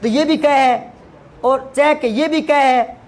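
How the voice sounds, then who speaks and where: High-voiced scolding teacher. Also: male voice, measured pace. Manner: scolding, rhetorical questions, repeats words for emphasis. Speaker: Hindi teacher. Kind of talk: classroom lesson to students.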